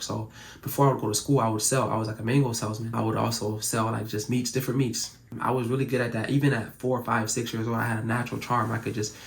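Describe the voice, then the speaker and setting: A young man from Cameroon whose first language is French, talking earnestly to camera in a casual, reflective way. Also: medium pitch. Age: young adult. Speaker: YouTuber.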